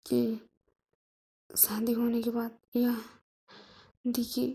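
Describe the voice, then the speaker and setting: A woman voicing a jealous, sharp-tongued young female student, scolding in a whisper as whispered role-play. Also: fairly high pitch, husky.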